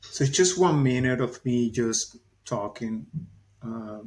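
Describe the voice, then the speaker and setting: A man in his forties with a soft Venezuelan accent, talking casually through a software tutorial and thinking aloud as he clicks. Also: medium pitch, animated, takes it slowly. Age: 40s. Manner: chatty, laughs easily, thinks aloud while clicking. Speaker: YouTube tutorial host. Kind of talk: casual screen-recorded tutorial.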